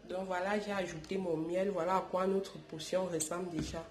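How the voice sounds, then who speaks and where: Speaking at a normal pace in a lowish, fairly even voice, a stuffy-nosed YouTube host runs a home remedy tutorial indoors at home. She calls viewers "darlings" with affection and keeps repeating and restarting phrases. The room echoes, with a bit of hiss or hum.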